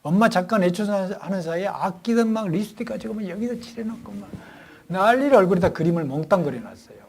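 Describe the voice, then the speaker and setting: A man preaching a sermon, firing call-and-response questions at the congregation and telling stories animatedly, swinging between loud and hushed. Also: sits high, animated, fast. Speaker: pastor. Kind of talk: sermon at a Bible lecture.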